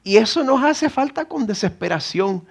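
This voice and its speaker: In a church sanctuary, a middle-aged Puerto Rican man delivers an earnest sermon in a Puerto Rican Spanish accent, building to emphatic exhortation. He has a high, slightly rough voice with vocal fry, animated at a moderate pace.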